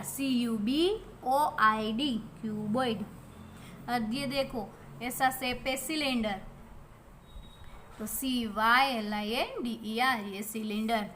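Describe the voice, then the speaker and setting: A woman teaching young children, speaking with an Indian English accent in a slightly high voice. She talks very slowly and patiently, spelling each word out letter by letter and asking the class questions. A faint background hiss runs under the recording. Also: a bit bright. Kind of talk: online primary school lesson.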